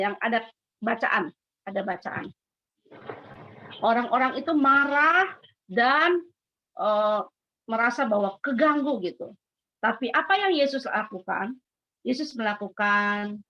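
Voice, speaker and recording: A woman giving a school devotion, telling a story to children in an animated way and asking them questions. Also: fairly high pitch. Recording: dull lo-fi sound.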